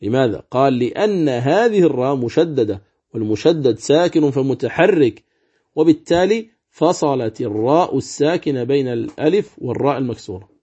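A man teaching Quran recitation rules, explaining calmly and chanting example words slowly. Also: medium pitch, breathy edge. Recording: dull lo-fi recording.

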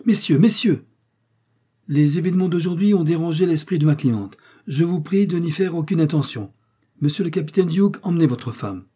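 A man's voice: mid-range voice, moderate pace, warm tone, breathy edge, natural voice. A man voicing a courtroom defense lawyer, oratorical and persuasive. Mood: flustered.

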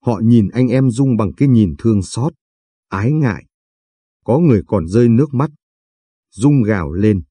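A man narrating a sad story in a measured, somber reading. His voice is low and mellow, with a husky grain to it. The sound is dry and close-miked. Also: lively intonation, dry recording.

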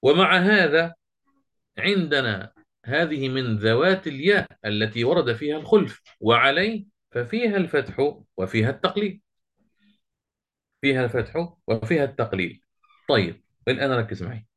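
Man, recitation teacher, lively rising and falling pitch, quizzes students, chants verses slowly. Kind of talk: classroom lesson with chanted verse quotes.

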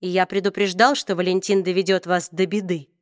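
A woman reading an audiobook, voicing a calm, steady man who speaks in a measured way. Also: fairly low pitch, no echo, clean studio sound, close to an everyday voice.

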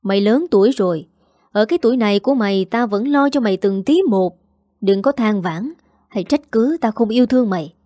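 A frustrated young husband, talking back irritably and fast, as a woman reading a story voices him. The voice is mellow and dry. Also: medium pitch, expressive, no echo, lightly acted. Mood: defensive. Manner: defensive, irritable.

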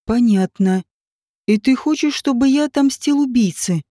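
A woman's voice: fairly high pitch, normal speed, dark tone, no echo, clean studio sound, natural voice. A woman voicing a blunt, teasing former cop who pushes a rich woman to divorce, read in an audiobook. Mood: coaxing. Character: man, a brash ex-cop wooing a rich woman. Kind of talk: audiobook character reading.

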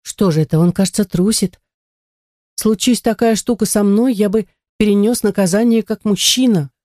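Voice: mid-range voice, normal speed, no echo, studio quality, pitched above the performer's own voice, lightly acted. A reader voicing a serious, anxious young schoolboy. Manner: hushed, serious.

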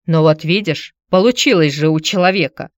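A woman's voice: deep voice, moderate pace, no room sound, studio quality, lightly acted. Brief: storybook figure, reserved grown man, short hesitant replies, a woman narrator doing him. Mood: terse. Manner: terse, hesitant. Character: awkward, restrained ex-husband, grown man.

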